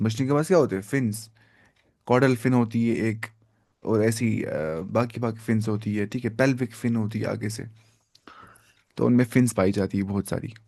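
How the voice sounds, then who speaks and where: Male biology teacher, live online lecture, questions the class and answers himself, drawn-out key terms, dry close sound. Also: lowish voice, a little mellow, no echo. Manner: repeats key terms slowly, syllable by syllable; mixes English science terms into casual Hindi.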